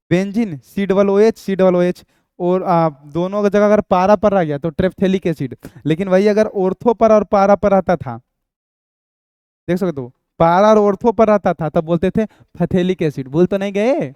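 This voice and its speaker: बिहारी लहजे वाला चंचल रसायन शिक्षक. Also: male voice, high voice, moderate pace, warm tone, smooth, no room sound. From Bihar. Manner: playful, banters with imagined students, sings a snatch. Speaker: chemistry teacher. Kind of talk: exam-prep lecture.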